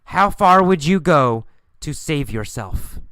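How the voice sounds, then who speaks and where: A man's voice: on the high side, animated, takes it slowly, a bit bright, no room sound. A man voicing a pushy adult male street preacher in a story, asking insistent questions.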